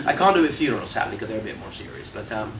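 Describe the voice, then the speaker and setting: A man's voice: on the low side, animated, very fast. A man from Barbados with a Barbadian accent, a vicar giving a humorous talk to a club audience with quoted voices. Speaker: guest speaker and vicar. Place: club meeting room. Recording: distant mic, faint background noise.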